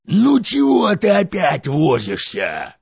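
A man voicing a boastful, clumsy male serpent-dragon in a folk tale, with a raspy, gravelly voice and a slow drawl. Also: fairly high pitch, huge pitch swings, no echo, dull audio, voice pushed up, full character voice. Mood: grumbling.

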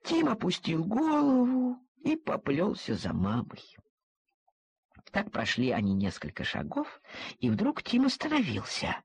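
A narrator telling a children's storybook, lively and speaking to the listeners directly. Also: medium pitch, measured pace, breathy edge.

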